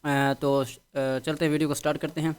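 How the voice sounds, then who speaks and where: A man's voice: fairly high pitch, little pitch movement, smooth. A man teaching a vocabulary lesson, explaining patiently and checking in often with his students. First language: Urdu. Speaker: English teacher.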